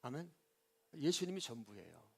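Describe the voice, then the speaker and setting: A man's voice: mid-range voice, sing-song, normal speed, creaky, darkish tone. A male pastor preaching a sermon in a church, asking rhetorical questions, answering them himself and calling on the congregation for an amen. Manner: call-and-response, repeatedly asking the congregation for amen. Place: church sanctuary.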